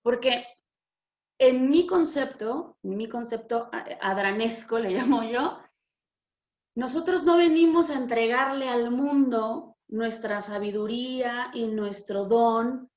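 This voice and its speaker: A woman's voice: a little high, takes it slowly. Frank Mexican woman, echoey room. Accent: Mexican Spanish. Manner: frank, expressive, swears freely. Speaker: spiritual channel host. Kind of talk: casual spiritual talk. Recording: echoey room, dull lo-fi sound.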